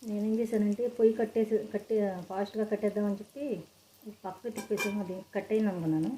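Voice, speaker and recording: Brief: quick, chatty woman cooking at home, explains steps, frying sizzle under her voice. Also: medium pitch, steady tone, noisy background. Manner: chatty, explains each step to viewers. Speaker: cooking vlogger. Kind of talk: casual cooking demonstration. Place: home kitchen. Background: frying and stirring sounds.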